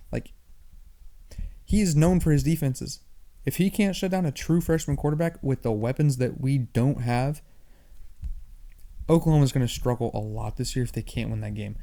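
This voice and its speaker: A young man hosting a sports podcast, talking fast and animated in a casual monologue, often repeating himself. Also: mid-range voice. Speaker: podcast host.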